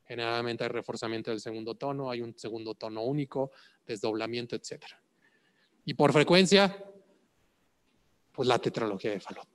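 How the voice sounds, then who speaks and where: A man's voice: mid-range voice, fairly quick, long pauses, clean tone, big-room sound. A man lecturing on clinical cases, asking rhetorical questions and checking in with "ok?". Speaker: medical exam prep lecturer.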